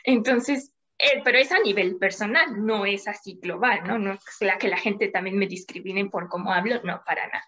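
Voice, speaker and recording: A woman's voice: mid-range voice, moderate pace, few pauses, sharp tone, dull audio. A young adult Mexican woman, a climate scientist, talking at length as an interview guest with small laughs in between, over a video call. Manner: thoughtful, explains at length with little laughs. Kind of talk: casual interview chat.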